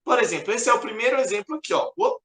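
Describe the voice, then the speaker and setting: Brief: man, chess teacher, crisp bright tone, echoey room, patient and repetitive. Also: extremely high pitch, expressive, quick pace. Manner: patient, repetitive, keeps pointing things out. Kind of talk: explaining a lesson over a board.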